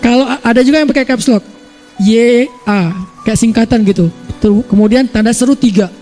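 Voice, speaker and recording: A man's voice: extremely high pitch, fairly quick, a little mellow, soft background music. A male Indonesian preacher giving a casual, playful religious talk, acting out everyday examples.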